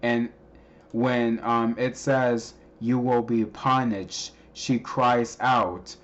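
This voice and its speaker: A man casually explaining a creepy cartoon clip, rambling with many pauses and restarts. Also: medium pitch, flat delivery, lo-fi sound. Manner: hesitant, many ums and restarts. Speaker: video narrator explaining a clip.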